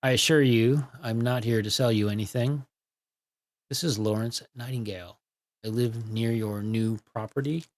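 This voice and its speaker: A man's voice: mid-range voice, fairly even intonation, normal speed, natural voice. A man voicing a polite, anxious husband who speaks earnestly and apologetically. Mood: earnest pleading. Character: anxious, polite husband worried for his wife.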